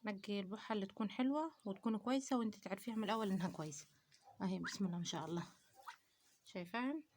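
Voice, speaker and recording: A woman's voice: medium pitch, rapid-fire, a little mellow, a little hiss or hum. A woman from Upper Egypt with an Upper Egyptian Arabic accent, hosting a casual home vlog about keeping poultry. She talks to viewers directly, gives advice and uses many pious phrases. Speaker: poultry-keeping channel host.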